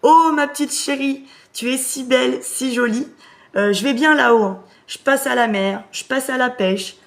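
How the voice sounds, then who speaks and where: A woman's voice: high voice, moderate pace, voice pushed up. A woman voicing an affectionate old grandfather spirit with a tender, lilting intonation. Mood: doting.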